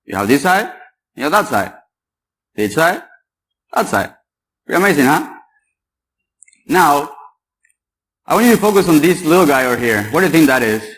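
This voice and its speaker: A man's voice: fairly high pitch, very animated, moderate pace, long pauses, a bit bright, low-quality recording. A young man from Paraguay giving a chatty, joking talk at a security conference and quizzing the audience. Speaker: conference speaker. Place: conference hall.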